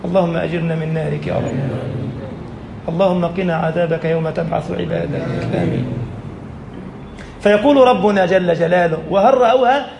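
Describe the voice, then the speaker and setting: A man with an Egyptian accent preaching a sermon in a mosque, lively and emphatic, speeding up and slowing down for effect. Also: a little high, gravelly, roomy sound, background noise. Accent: Egyptian Arabic. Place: mosque hall.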